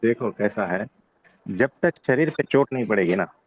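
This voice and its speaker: Calm man teaching spiritual talk. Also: on the low side, moderate pace, a little hiss or hum, poor audio. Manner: calm, patient explaining with frequent "है ना?". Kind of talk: satsang question-and-answer.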